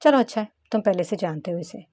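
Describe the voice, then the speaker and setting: A woman's voice: mid-range voice, animated, fast, warm tone, dry recording. A woman reading the lines of a bold, teasing younger sister in an audiobook story. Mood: scolding. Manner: coaxing and scolding.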